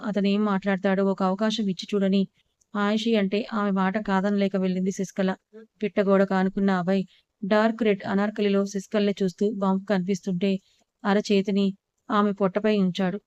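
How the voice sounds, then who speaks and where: Woman storyteller, smooth clear voice, flat even delivery, dry slightly muffled recording. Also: mid-range voice, no echo. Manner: reads all characters' lines in her own voice. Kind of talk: scripted story narration.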